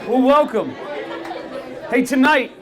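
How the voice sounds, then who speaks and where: At a bar venue with a live audience, a podcast host speaks slowly in a very high-pitched voice. He's upbeat and chatty, often asking the crowd questions.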